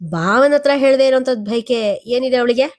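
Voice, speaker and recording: A woman's voice: high-pitched, moderate pace, pitched above the performer's own voice, lightly acted. A woman voicing a blunt young man who questions his mother's demand for money. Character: blunt skeptical young man, her son.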